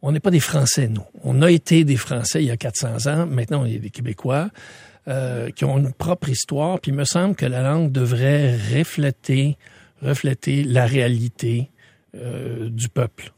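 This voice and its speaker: Radio host: man with a Quebec French accent, gravelly and husky, close dry studio sound. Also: medium pitch, normal speed, dark tone, no room sound. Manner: conversational, fillers, polite wrap-ups. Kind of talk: radio talk show.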